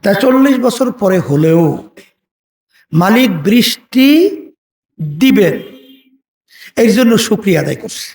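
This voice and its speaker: At an outdoor religious gathering on a field, a man with a high, slightly mellow, sing-song voice preaches slowly, pausing often. He tells a story, calls out questions for the crowd to answer, and chants Quranic Arabic verses, heard as echoey public address from a distance.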